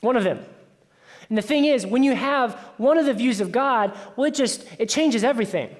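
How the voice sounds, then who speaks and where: A man's voice: very high voice, lively intonation, normal speed. A man preaching a conversational sermon as pastor, telling stories in a casual way with frequent "like". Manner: casual storytelling, sprinkled with "like". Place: church sanctuary. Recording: long reverb of a church hall.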